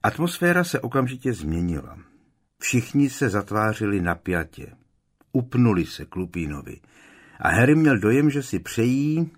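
A man reads a novel aloud with a low, husky voice. His narration is measured and solemn, steady from line to line. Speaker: audiobook narrator. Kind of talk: scripted narration.

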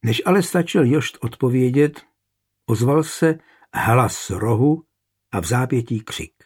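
A man reading a historical war story aloud as narrator, with even, measured storytelling. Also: mid-range voice, slightly rough. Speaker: audiobook narrator. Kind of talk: scripted narration.

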